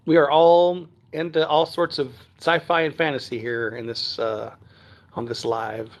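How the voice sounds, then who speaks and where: A rambling, friendly livestream host, a man with a somewhat raised pitch, chats loosely on a phone stream from his home near Dallas, answering viewer comments. He's from Texas yet speaks with a trained standard American accent rather than a regional one, filling pauses with ums and clearing his throat often.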